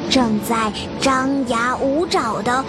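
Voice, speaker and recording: A woman narrating a children's story in an expressive, sing-song way over children's music. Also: fairly high pitch, takes it slowly.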